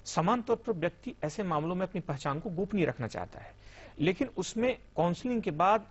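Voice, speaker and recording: A man's voice: high-pitched, lively intonation, fairly quick, husky. A young man, a police officer, explaining earnestly and formally as a guest in a TV studio interview. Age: young adult. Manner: earnest, explanatory, formal Hindi with English terms. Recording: muffled TV broadcast audio.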